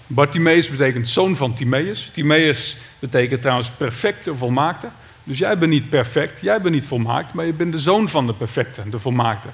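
Dutch man preaching a sermon. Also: medium pitch. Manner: dramatic, shouts out the beggar's cry. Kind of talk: sermon with Bible reading.

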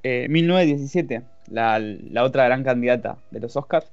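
Relaxed argentine dude, jokey guest on a podcast, dry dull lo-fi audio, faint music. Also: male voice, medium pitch, moderate pace, smooth, no echo. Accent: Argentine Spanish. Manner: laid-back, jokey. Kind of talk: casual chat.

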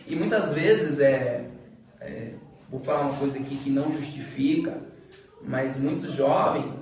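A man's voice: medium pitch, unhurried, darkish tone. A man from Bahia, a teacher and school director, earnestly telling his own story, repeating words when he is moved. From Bahia, Brazil. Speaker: Portuguese teacher and school director, podcast guest. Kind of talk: emotional personal storytelling. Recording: very echoey room, voice far from mic.

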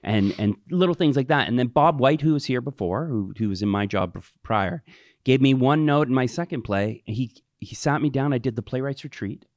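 A man's voice: medium pitch, animated, brisk, darkish tone, no room sound. A man hosting a casual interview, asking loose, filler-heavy questions. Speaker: podcast host.

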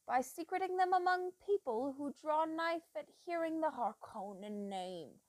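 A feverish, obsessive old doctor, as a woman reads him, speaking low and slow with a dry, close sound. His intense murmur breaks without warning into loud, heated bursts. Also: expressive, no room sound. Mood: menacing, obsessive.

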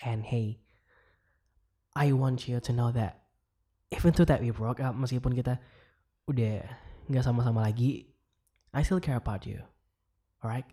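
A young adult man with an Indonesian accent and a medium-pitched, everyday-sounding voice performs a voicemail monologue as a caring, wistful ex-boyfriend. The tone is gentle, casual and intimate, and he mixes in English.

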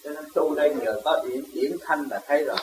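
A man's voice: fairly high pitch, dark tone, a little hiss or hum, rough recording. A man with a Southern Vietnamese accent giving a dharma talk as a spiritual teacher. He answers a question, chuckles often and keeps asking his listeners rhetorical questions.

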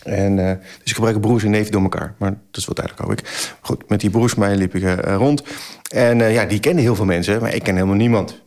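A podcast guest in his forties tells a story casually and animatedly, acting out his own past exclamations with lots of filler sounds. His pitch is fairly low and his pace quick.

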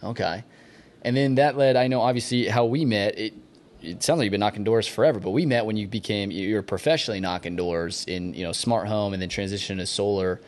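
A man's voice: fairly low pitch, brisk. A man hosting a podcast interview, asking questions in a loose, casual way with stammered restarts and slang. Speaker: podcast host.

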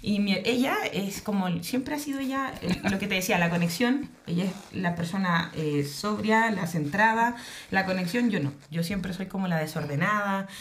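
A woman from Mexico tells childhood stories, loose and joking. Her voice sits at a middle pitch, with a faint hiss behind it. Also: lively intonation, normal speed. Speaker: interviewee. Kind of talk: storytelling, recounting anecdotes.

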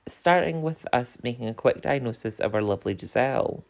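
A man's voice: mid-range voice, expressive, fairly quick, gravelly. A Scottish man, a drag queen on a podcast, talks in a playful, giggly way. His voice swings widely up and down, and the room around him rings with echo. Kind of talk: casual chat. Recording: roomy echo.

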